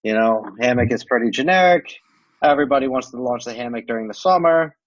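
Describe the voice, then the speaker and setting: Fast speech from a medium-pitched man comes through a muffled recording with no echo. He has a combined American and Romanian accent. A guest expert on a podcast, he demonstrates software by casually talking through what he sees on screen, explaining loosely with many "like"s and "um"s.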